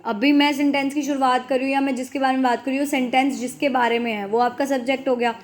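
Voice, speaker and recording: A high-pitched woman gives a classroom grammar lesson. She explains in a mix of Hindi and English and slows down to read English definitions aloud. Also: fairly even intonation. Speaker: school English teacher.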